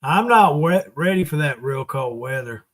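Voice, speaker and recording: A man from Arkansas with a slow Southern drawl, hosting a casual live chat in a folksy, teasing way as he greets viewers. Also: a little high, expressive. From Arkansas, United States. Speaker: live stream host.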